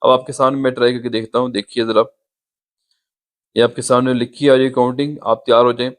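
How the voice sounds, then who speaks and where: Recorded on a phone, this man hosts a step-by-step YouTube app tutorial, patiently showing viewers where to look on screen. He speaks fairly quickly with a flat delivery in a mid-range voice.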